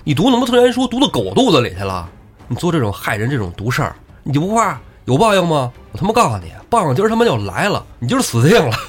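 A man's voice: on the low side, big pitch swings, fairly quick, breathy edge, soft background music, heavily acted. A man voicing a furious male outlaw chief who curses and berates his captured enemy. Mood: enraged. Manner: shouting, cursing, outraged.

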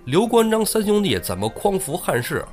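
Over soft background music, a podcast storyteller with a high voice recounts an old tale at a moderate pace. His delivery is casual, animated and chatty, and he keeps checking that the listener agrees.

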